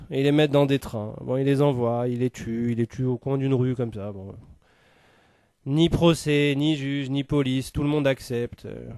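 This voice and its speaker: A man's voice: medium pitch, darkish tone, no room sound. A man telling a comic story in a rambling monologue, full of hesitations and fillers.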